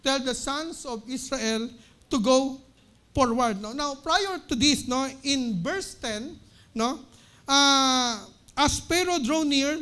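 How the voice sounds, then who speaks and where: A woman with a Filipino accent preaching a sermon in a church service, mixing Tagalog and English, tagging phrases with "no?" and reading Bible verses slowly and emphatically. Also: sits high, fairly bright tone. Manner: Taglish, frequent tag "no?" after phrases.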